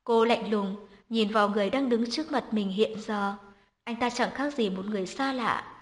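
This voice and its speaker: A woman narrating a dramatic family story in a steady, scripted reading. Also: fairly high pitch, moderate pace, big-room sound.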